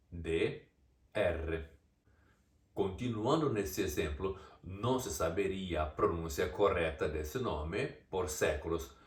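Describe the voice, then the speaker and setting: A man reading a scripted video essay, explaining step by step and asking mocking rhetorical questions. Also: deep voice. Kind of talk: scripted narration. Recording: echoey room, distant mic.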